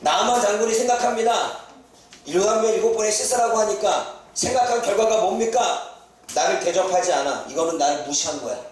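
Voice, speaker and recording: High-voiced preacher man, echoey hall. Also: far from the mic, slight background noise. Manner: acts out biblical characters in lively raised voice. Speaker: pastor. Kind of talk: sermon with acted-out quotes. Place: church hall.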